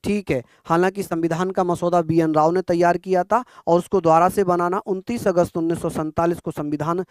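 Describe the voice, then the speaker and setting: A young man teaching an exam-prep lesson fast, repeating answers and quizzing his listeners. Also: high voice, steady tone, a little mellow, smooth, dry recording, studio quality. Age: young adult. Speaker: exam coach.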